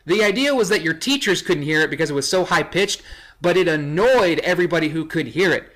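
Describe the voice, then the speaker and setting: A man's voice: a little high, expressive, brisk, fairly bright tone. A young man reacting to a list with sarcastic, rambling commentary that corrects itself as it goes. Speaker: vlogger. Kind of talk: casual commentary reading a list.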